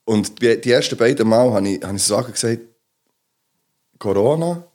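A man's voice: medium pitch, lively intonation, normal speed, darkish tone. Rambling Swiss German man telling stories. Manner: rambling storyteller, many fillers and restarts. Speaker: podcast co-host. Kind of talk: casual chat.

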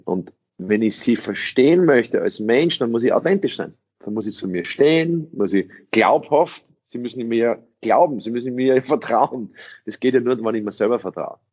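Mid-range, darkish and slightly rough, the voice comes from a middle-aged English-speaking man. Interviewed as a sales trainer, he answers emphatically, repeating phrases and asking rhetorical questions, on a dull lo-fi recording.

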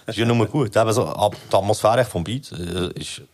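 A man's voice: on the low side, fairly quick. A man with a Swiss German accent in casual chat, giving thoughtful, hesitant song critique as he searches for words. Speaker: podcast co-host reviewing songs.

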